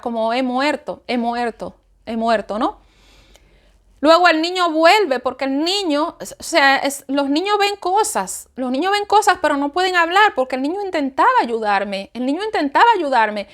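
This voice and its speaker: Woman, high voice, spiritual testimony, emotional, repeats phrases, reenacts pleading. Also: unhurried. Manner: emotional, repeats herself, acts out her cries for help. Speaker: testimony speaker.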